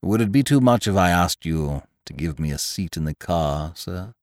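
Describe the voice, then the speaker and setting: A man voicing a quiet, deferential valet who speaks low and formally. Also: animated, normal speed, no echo, clean studio sound.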